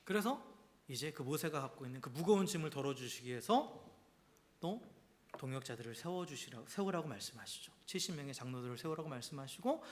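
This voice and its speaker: Guy pastor giving a sunday sermon, slightly high voice, chatty, goes from emphatic to hushed. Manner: conversational preaching with frequent checks on the congregation; swings between emphatic and hushed, near-whispered delivery. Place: church during a Sunday service.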